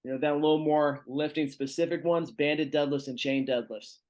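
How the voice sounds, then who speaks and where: A man's voice: fairly high pitch, steady tone, a little fast, a little mellow, a little hiss or hum. A man as strength coach giving a virtual seminar lecture, talking casually through slides with fillers, over a video call.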